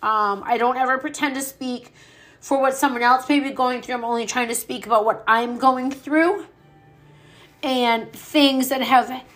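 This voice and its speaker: Blunt, mouthy grieving woman, slightly high voice. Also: unhurried, fairly bright tone, faint music behind. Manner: blunt, mouthy, swears freely, emotional. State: grieving, short of breath at times. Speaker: podcast host. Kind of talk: personal grief monologue.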